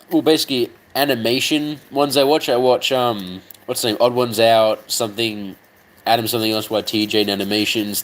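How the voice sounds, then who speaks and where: On poor audio, a medium-pitched young man with an Australian accent rambles while building a model, swearing often and letting sentences trail off into ums as he searches his memory.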